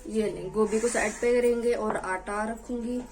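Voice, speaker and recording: A woman's voice: fairly high pitch, fairly even intonation, normal speed, darkish tone, a little hiss or hum, low-quality recording. A young woman hosting a home cooking tutorial in her kitchen, chatting as she works and pleading with viewers to subscribe. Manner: talks while cooking, voice drops off-mic at times. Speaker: cooking channel host.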